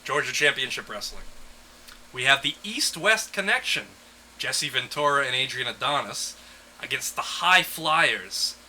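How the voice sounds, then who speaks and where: A man's voice: medium pitch, lively intonation, unhurried, sharp tone, a little hiss or hum, low-quality recording. A man co-hosting a podcast in casual chat, laughing often and reading lists aloud. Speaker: podcast co-host.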